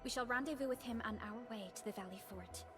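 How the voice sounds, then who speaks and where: A woman's voice: fairly high pitch, fast talker, over music, close to an everyday voice. A woman voicing a cool, businesslike squad supervisor in a video game, with a formal, commanding manner. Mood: cool, focused.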